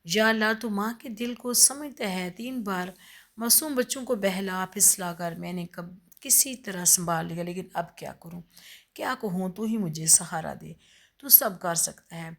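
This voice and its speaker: A woman voicing a gentle, devout young mother who speaks softly and coaxingly. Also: lowish voice, gravelly. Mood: pleading prayer. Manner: soft, pleading, coaxing.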